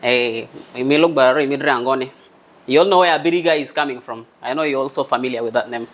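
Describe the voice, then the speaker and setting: A Ugandan man from Arua speaks as a guest on a talk show. He is hesitant and brief, with a voice of ordinary pitch for a man. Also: fast talker, a bit bright.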